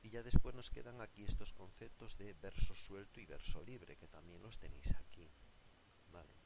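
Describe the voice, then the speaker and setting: Male teacher, deep gravelly voice, patient worksheet lesson over loud noise and clicks. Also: moderate pace. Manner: patient, often asks "¿de acuerdo?". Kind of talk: recorded lesson explaining a worksheet.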